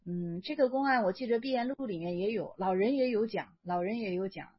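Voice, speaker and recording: A woman explains an old Chan koan in a casual lecture, thinking aloud, correcting herself, and using many fillers. Her medium-pitched voice is brisk and slightly rough, and the recording has its highs cut off.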